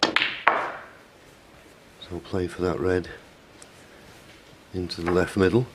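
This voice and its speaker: A man giving live snooker commentary in a hushed, measured delivery. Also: low-pitched, level tone. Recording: clear crowd and hall noise. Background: snooker audience, ball clicks.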